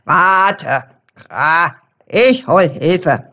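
Kindly raven for a children's audiobook, woman reading, lowered voice, caws between phrases. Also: expressive, extremely slow, pushed and bright, heavily acted. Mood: murmuring. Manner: croaking caws between words. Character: croaking raven, kindly and wise.

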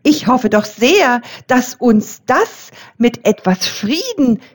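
A woman doing a tiny excited young bell. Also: slow pace, heavily acted. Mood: proud. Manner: high, bright and eager.

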